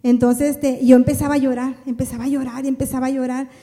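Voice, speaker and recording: A woman's voice: sits high, little pitch movement, quick pace, dark tone, big-room sound. A woman giving an emotional testimony sermon to a church, repeating her phrases again and again. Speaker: church member preaching.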